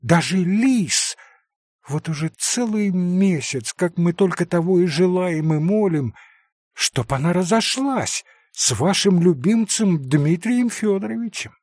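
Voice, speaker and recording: A fluttering, excitable middle-aged lady rushes through her words in a high, breathless voice, as a male audiobook reader puts her on. She is theatrical and fussy, forever gushing. The sound is dry and close, with a husky edge. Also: no room sound. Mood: conspiratorial. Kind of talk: audiobook character reading.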